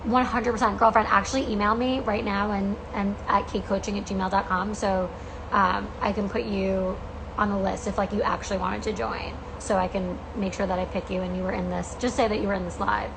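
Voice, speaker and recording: A young American woman talks casually to her livestream followers with a creaky vocal fry. Her pitch sits in the middle, and her delivery is emphatic and gushing, peppered with slang. Noticeable background noise runs under the recording. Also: little pitch movement, fairly quick. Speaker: podcast host and coach. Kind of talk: casual livestream chat to fans.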